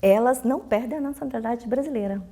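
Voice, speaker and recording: A fast-talking woman with a warm, fairly high voice and a Brazilian Portuguese accent. In relaxed interview answers she speaks as a consular official, pressing the rules home, saying the key points again, and dramatizing conversations from her anecdotes.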